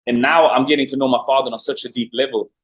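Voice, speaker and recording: A man's voice: mid-range voice, steady tone, fast talker. A young man from Sweden, a guest chatting loosely and upbeat about his life, with lots of "like" fillers. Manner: loose, rambling, upbeat, with many "like" fillers and laughs. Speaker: guest, online marketer for dancers. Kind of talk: casual interview chat. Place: remote call from abroad. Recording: roomy echo.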